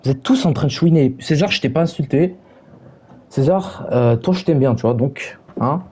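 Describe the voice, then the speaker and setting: A man's voice: a little high, moderate pace, a little mellow, breathy edge. A young man streaming, reviewing match stats while mockingly taunting his chat in brash slang.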